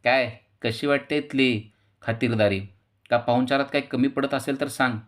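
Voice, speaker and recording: A man's voice: mid-range voice, fairly even intonation, moderate pace, natural voice. A man voicing a hostile young woman police officer who barks orders and taunts. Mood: taunting. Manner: harsh, ordering people out.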